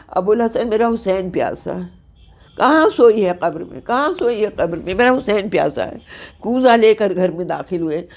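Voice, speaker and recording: A woman delivers a mourning sermon as a zakira at a memorial gathering. She speaks in an impassioned, lamenting tone and repeats her phrases for weight. Her voice sits at a middle pitch. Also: a little mellow. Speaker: zakira, mourning-assembly reciter.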